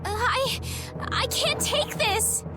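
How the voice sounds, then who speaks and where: A woman voicing a gentle, anxious young princess in a video game, pleading and distressed. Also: very high-pitched, very slow, over loud music, exaggerated voice.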